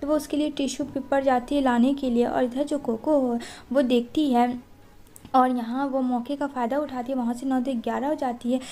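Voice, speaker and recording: A woman's voice: high voice, fairly even intonation, moderate pace, warm tone. A woman recapping a drama film in a casual, chatty way, talking straight to her viewers as friends and mixing English words into her speech. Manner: mixes English words into Hindi. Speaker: movie recap narrator.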